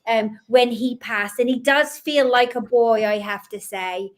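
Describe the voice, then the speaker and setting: A woman with a slight Scottish accent speaks quickly and gently, her voice sitting high and light. She gives reassuring psychic readings over a video call on a live stream. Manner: fast-talking, gentle and reassuring. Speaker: psychic medium.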